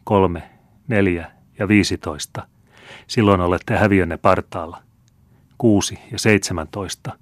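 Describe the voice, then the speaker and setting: A man voicing an old female fortune-teller who reads palms in a teasing, blunt manner, counting slowly and deliberately. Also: sits low, fairly even intonation, dry recording. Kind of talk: audiobook character reading. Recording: dry close studio sound.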